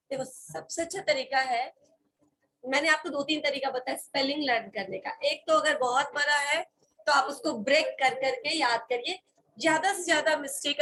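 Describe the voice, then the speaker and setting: Woman teacher, high and bright, spells words aloud and checks in with the class. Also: slightly rough, rough recording. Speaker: English vocabulary teacher. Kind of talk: classroom lesson. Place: classroom with students.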